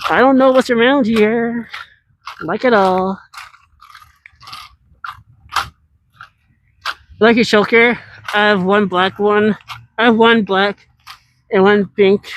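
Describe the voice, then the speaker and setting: A chatty live streamer talks while walking and scootering outdoors through a big city, rambling freely and answering viewer chat along the way. The voice sits at a middling pitch. Faint outdoor noise hums underneath. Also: a bit bright. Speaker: IRL streamer.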